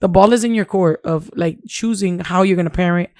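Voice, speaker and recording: A woman's voice: on the low side, fairly quick, dry recording, studio quality. Chatty woman in her thirties. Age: 30s. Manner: animated, chatty, switches into Spanish phrases. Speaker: podcast co-host. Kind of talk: casual chat.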